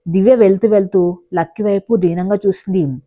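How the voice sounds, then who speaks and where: Woman storyteller, steady scripted narration, mid pitch, slightly lo-fi audio. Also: moderate pace.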